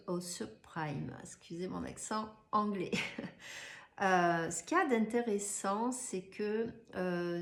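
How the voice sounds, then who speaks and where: Chatty woman in an echoey room. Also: mid-range voice. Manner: chatty, many "euh" fillers, rhetorical questions. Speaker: astrologer. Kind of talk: casual explanatory video talk.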